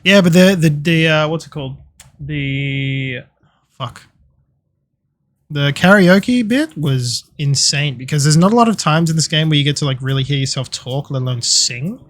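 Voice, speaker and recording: Chatty streamer, slightly high voice. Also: male voice, normal speed. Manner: chatty, swears freely, playful rants. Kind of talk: casual live-stream chat while gaming.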